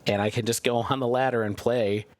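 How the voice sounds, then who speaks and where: A man co-hosting a podcast, chatting casually in a thoughtful, measured way. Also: mid-range voice, steady tone, no room sound. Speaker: podcast co-host. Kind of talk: casual chat.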